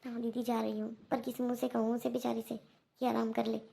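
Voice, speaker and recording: A kindly middle-aged mother-in-law in a cartoon, played by a woman. She is full of remorse and soothes and reassures, going over the same point again. Her voice is high with a gravelly fry. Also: level tone, a little fast, mellow. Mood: worried. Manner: soothing, reassuring, repeats herself. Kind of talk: Hindi cartoon voice acting.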